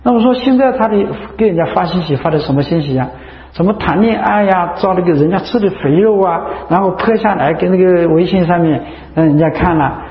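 A man's voice: high voice, fairly quick. A man, a Buddhist monk, giving a chatty, repetitive dharma talk full of rhetorical questions. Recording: echoey hall, dull lo-fi sound.

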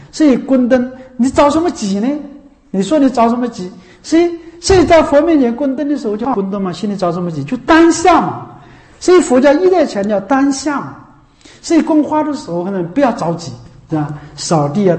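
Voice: medium pitch, a little mellow. A Buddhist monastic giving a dharma talk, repeating rhetorical questions, laughing now and then and chanting the Buddha's name. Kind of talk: dharma talk to a seated audience. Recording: echoey room.

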